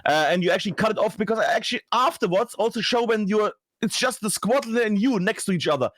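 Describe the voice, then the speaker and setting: A man's voice: sits high, lively intonation, fast talker, a bit bright, dry recording. A man from Germany, German his first language, chatting bluntly as a podcast guest, swearing casually with many restarts. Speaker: podcast guest, game broadcaster.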